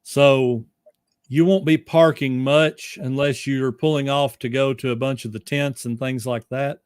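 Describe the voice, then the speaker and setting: A man's voice: medium pitch, fairly even intonation, unhurried, clean tone, no room sound, clean studio sound. A man chatting casually as a guest on a podcast, explaining things in a loose, rambling way.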